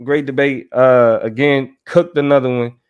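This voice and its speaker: The recording is lo-fi as a male host with a smooth, mid-range voice and fairly even intonation recaps a debate at normal speed. He keeps it casual and conversational, frequently tossing in "right?" and "you know what I mean."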